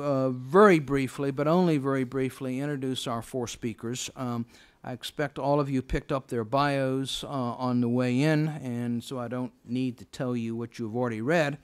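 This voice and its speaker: A man moderating a formal event, introducing speakers in a hesitant, halting way. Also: mid-range voice, a little mellow, clean tone.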